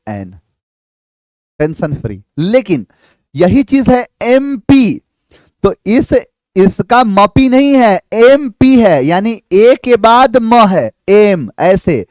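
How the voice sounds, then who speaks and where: A man teaching an English lesson, spelling out sounds slowly and checking in with "clear?". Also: sits high, darkish tone, no echo. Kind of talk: classroom lecture.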